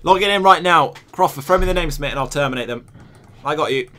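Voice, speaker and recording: A man's voice: fairly high pitch, fast, pushed and bright. A young Scottish man streaming and commentating a game tournament, joking, swearing and chatting to his viewers.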